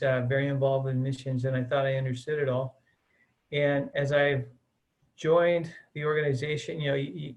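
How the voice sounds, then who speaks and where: Heard through a low-quality recording, a medium-pitched middle-aged man from the United States is interviewed about his work as a missions mobilizer. The conversation is relaxed, and he talks earnestly and at length, with frequent "uh" and "um."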